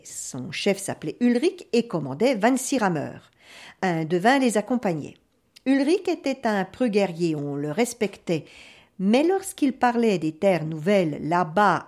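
A woman telling a story aloud in a dramatic, expressive storybook reading. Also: medium pitch.

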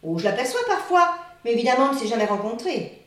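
A talking female sea turtle from a storybook, weary and calmly probing, voiced by a woman in a raised voice that swings up and down. It sounds set in a strongly echoing room, with the mic well away from her. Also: fairly high pitch, fast talker. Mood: wary. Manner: calm, questioning, slightly weary. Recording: echoey room, mic far off.

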